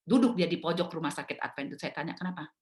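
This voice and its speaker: A middle-aged woman giving a storytelling talk at a mothers' prayer meeting over a video call, lively and acting out family quarrels. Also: low voice, fast.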